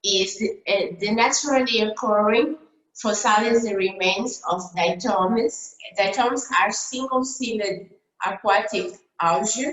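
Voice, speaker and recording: Woman, from Brazil, Portuguese native, conference talk over slides, halting with fillers, medium pitch, echoey room, video call. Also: a bit bright. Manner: halting, many fillers and restarts. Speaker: dentist presenting a case report. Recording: roomy echo.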